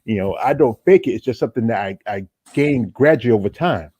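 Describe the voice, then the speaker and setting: Man, from North Carolina, dark mellow tone, dry close sound, casual sports talk, rambling. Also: medium pitch, lively intonation, fairly quick, breathy edge, no room sound. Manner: rambling, many restarts. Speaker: podcast host.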